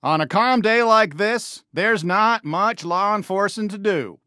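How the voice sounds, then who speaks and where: A man voicing a friendly toy cowboy sheriff for a video game, with an American accent and a folksy, eager, expressive drawl. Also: high-pitched, a little slow, clear, resonant tone, no echo, studio quality. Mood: warm, cheerful. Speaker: video game character greeting players. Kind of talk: animated game voice lines.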